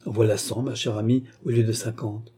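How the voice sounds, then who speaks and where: A man's voice: lowish voice, level tone, brisk, dark tone, slightly rough. A man reading a storybook and voicing a bewildered, indulgent aristocratic baron who exclaims in surprise.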